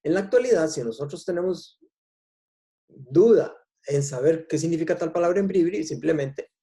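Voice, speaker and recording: A man with a Costa Rican Spanish accent giving a lecture at an easy, explanatory pace, often pausing on a drawn-out "eh". His voice is gravelly and dark, with a slightly raised pitch for a man. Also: animated. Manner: unhurried, explanatory, frequent "eh" pauses. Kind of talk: public talk on language history.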